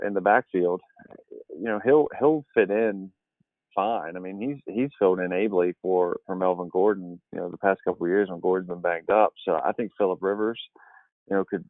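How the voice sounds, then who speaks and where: A man with a very low voice rambles through casual podcast talk, full of fillers and restarts. His voice comes over a tinny, phone-like line in a dry space. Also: no room sound. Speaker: fantasy football podcast analyst.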